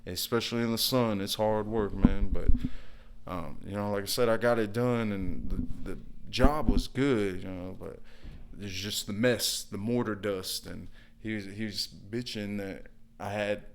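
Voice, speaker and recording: A man's voice: lowish voice, measured pace, noisy background. A man talking casually as a guest about his contracting work, rambling with lots of fillers and acting out an angry customer. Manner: relaxed, rambling, lots of "you know" and "like"; acts out an angry customer in quoted bursts. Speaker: guest, brick and mortar contractor. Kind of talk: casual storytelling interview.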